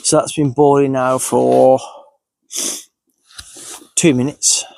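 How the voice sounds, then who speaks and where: A man's voice: mid-range voice, level tone, takes it slowly, vocal fry, darkish tone, no echo. A man sniffly with a cold, casually narrating his outdoor cooking as he goes, unscripted. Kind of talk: casual, unscripted narration while doing tasks. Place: outdoors in countryside.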